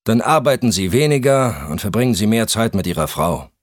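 A man voicing a calm, firm private investigator in an audiobook. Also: lowish voice, fairly quick, no echo, studio quality, voice pushed up.

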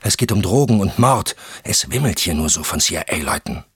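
A man playing a hunted man in an audiobook thriller, urgent and clipped, giving quick orders. His voice sits extremely deep and sounds husky, recorded dry and close. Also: lively intonation, no echo, heavily acted. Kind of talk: audiobook character voice.

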